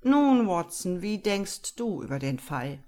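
A woman reading the part of a brisk, confident male detective, voiced lively and raised. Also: lowish voice.

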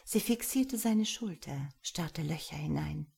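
Slow, husky woman reading a story. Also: sits low, expressive, a little mellow. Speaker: narrator. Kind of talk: audiobook narration.

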